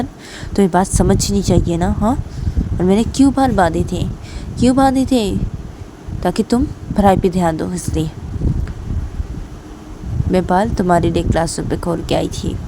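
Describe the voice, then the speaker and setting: A woman's voice: lowish voice, noisy background. A woman voicing a pleading female college teacher who keeps coaxing her upset lover. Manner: coaxing, keeps asking "haan?".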